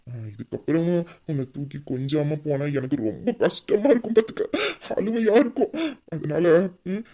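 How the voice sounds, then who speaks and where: A playful young husband teases his wife and will not let her go, as a voice actor plays him. His voice sits at a middle pitch. He coaxes her and often sinks into a soft, low murmur. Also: lively intonation, normal speed, close to an everyday voice. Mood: coaxing. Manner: teasing, coaxing, drops to soft low murmurs. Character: playful teasing young husband, affectionate and persistent. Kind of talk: romantic audio drama.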